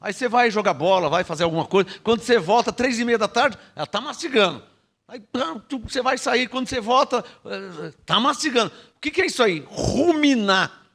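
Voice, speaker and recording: Lively high-voiced Brazilian preacher man. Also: fairly quick, creaky. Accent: Brazilian Portuguese. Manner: teaching, asks the congregation to repeat phrases; lively, frequent rhetorical questions and laughs. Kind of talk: sermon.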